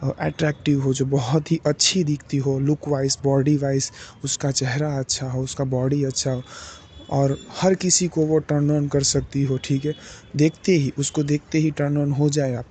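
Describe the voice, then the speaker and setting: A young man talking slowly and deliberately in a personal diary vlog, pausing often with fillers. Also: mid-range voice, little pitch movement, warm tone, a little hiss or hum. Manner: slow, deliberate, hesitant with many fillers. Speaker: vlogger.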